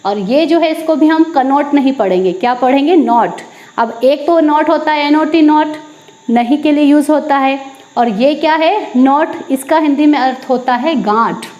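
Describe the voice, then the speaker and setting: A woman's voice: high-pitched, moderate pace, a little mellow, lo-fi sound. A young woman, teaching an English lesson to viewers, repeating key points and answering her own questions.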